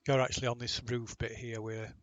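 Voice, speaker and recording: A man's voice: medium pitch, level tone, fairly quick, a bit bright, dry recording, muffled recording. A man running a tabletop game as game master, talking in a hesitant way with many restarts.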